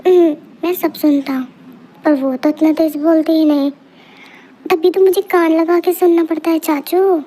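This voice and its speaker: A woman's voice: very high-pitched, steady tone, moderate pace, mellow. Woman voicing a cheeky little boy. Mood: pleading. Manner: pleading, chattering. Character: playful mischievous little boy, nephew. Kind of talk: amateur fan dub.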